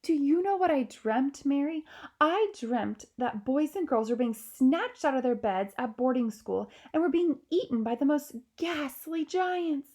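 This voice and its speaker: Pitching her voice above her own, a woman reading a storybook plays an elderly queen, grand and quick to alarm, with posh, refined, exclamatory phrasing. Her tone sits high, expressive, a little slow and a little mellow, conveying refined alarm.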